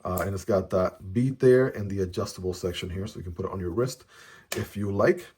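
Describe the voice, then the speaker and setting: A man with a low, husky, darkish voice talks a little fast as he unboxes a product. Chinese is his first language, and his chatty commentary is full of "right?" tag questions. He's recorded on a phone camera.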